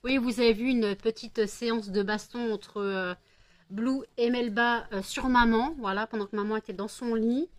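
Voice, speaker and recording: A tired woman vlogger chatting casually and softly to camera, hesitant with many fillers. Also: on the high side, fairly even intonation, moderate pace, no echo. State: tired from lack of sleep. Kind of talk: casual late-night chat to camera.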